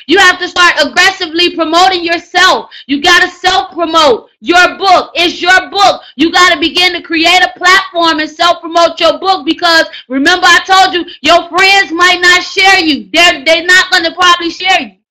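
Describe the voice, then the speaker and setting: A woman teaching a writing class, coaching loudly and repetitively in slangy, preacher-like exhortation. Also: very high-pitched, normal speed, hardly any pauses, rough recording. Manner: loud, hollering, preacher-like exhortation. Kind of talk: live online class on book promotion.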